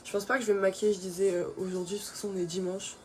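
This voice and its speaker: A woman's voice: medium pitch, flat delivery, very fast. A young woman from France chatting casually through her skincare routine, with many fillers. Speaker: beauty vlogger.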